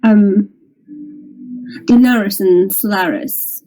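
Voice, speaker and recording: A young woman playing a tabletop game in character, speaking haltingly with many pauses and ums. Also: mid-range voice, warm tone, faint music behind, low-quality recording. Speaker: player.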